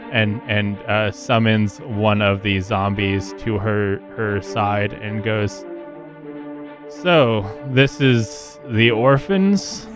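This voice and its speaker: A man narrating a tabletop game as game master in a casual, rambling way with many fillers. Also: fairly low pitch.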